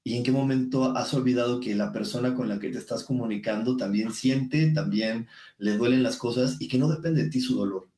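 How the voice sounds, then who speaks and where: Mellow Mexican man in an echoey room. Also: mid-range voice, a little fast. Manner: calm, coaching tone, everyday examples. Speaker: guest speaker. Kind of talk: explanatory conversation.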